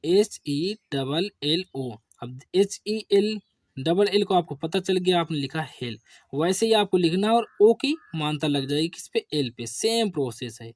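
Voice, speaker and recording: A man teaching an English spelling lesson to children, asking questions and answering them himself in a lower voice. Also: lively intonation, measured pace, no echo, studio quality. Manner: addresses viewers as children. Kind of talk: slow classroom-style spelling lesson.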